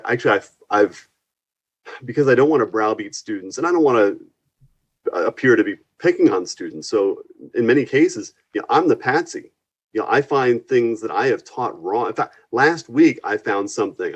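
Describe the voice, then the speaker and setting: The audio is dull as a man with a mid-range voice speaks briskly and with animation, a university physics and astronomy instructor guesting in a conversational interview. He explains earnestly and tends to perform little quotes along the way.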